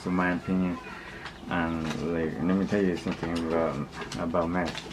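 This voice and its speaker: A man's voice: sits low, level tone. A man talking casually to viewers, giving opinions in blunt, slangy street talk, rambling and repeating himself as he backtracks. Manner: rambling, repetitive, halting, often backtracking. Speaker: vlogger. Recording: clearly noisy recording with background ambience.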